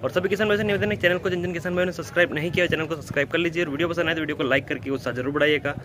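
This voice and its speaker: A man's voice: fairly high pitch, steady tone, rapid-fire. A young man, hosting a farm market price report in a repetitive, filler-laced delivery, recorded outdoors on a phone. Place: outdoors in an open produce market yard. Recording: outdoor market noise, vehicles.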